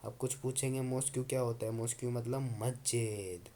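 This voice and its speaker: A man's voice: medium pitch, steady tone, moderate pace, dark tone. A man teaching English grammar in Hindi, coaxing and repeating his points patiently. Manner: coaxing, repeats points, calls students "babu". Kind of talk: Hindi-language grammar lesson.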